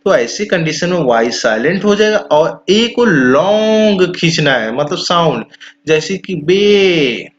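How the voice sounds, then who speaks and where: A male teacher with a slightly raised voice explains pronunciation rules, saying each example word slowly and drawing its vowel out. The recording sounds a little dull and lo-fi. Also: on the high side, animated. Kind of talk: explanatory lesson.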